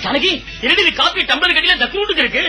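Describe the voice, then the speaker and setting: A man playing a broke music teacher and squabbling husband, full of quick punning comebacks, in a comedy audio drama. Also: very high-pitched, expressive, pushed and bright, full character voice, rough recording. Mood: bickering.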